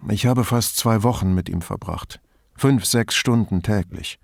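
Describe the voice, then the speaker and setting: A man reading an audiobook plays a reflective middle-aged police commissioner who talks in a measured, thoughtful way. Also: on the low side, vocal fry, dry recording, clean studio sound.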